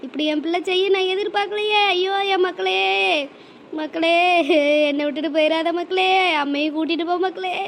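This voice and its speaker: Woman doing a village mum from a cartoon, very high and wailing, bit of background hiss. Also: fairly even intonation, brisk. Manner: wailing, lamenting in repeated cries. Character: grief-stricken village mother, middle-aged woman. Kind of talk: cartoon drama voice acting.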